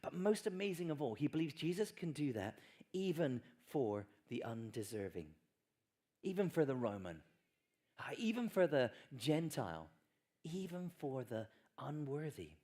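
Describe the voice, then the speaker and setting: Guy preaching a sermon at church, really lively up and down voice, acts out quotes for laughs. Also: fairly high pitch, normal speed. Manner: animated, acts out quoted lines with humor. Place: church hall.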